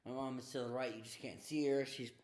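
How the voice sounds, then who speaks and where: A man's voice: medium pitch, steady tone, fast, darkish tone. A young man hosting a casual home interview with his father, talking hesitantly with lots of ums and uhs. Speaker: interviewer, host of the video. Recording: echoey room with faint noise.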